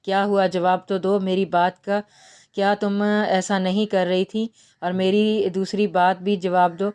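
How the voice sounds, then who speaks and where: A woman voicing an earnest, gentle young man courting the woman he loves in an audiobook novel reading. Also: medium pitch, flat delivery, clear, resonant tone, natural voice. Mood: teasing. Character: earnest young man in love, tender suitor.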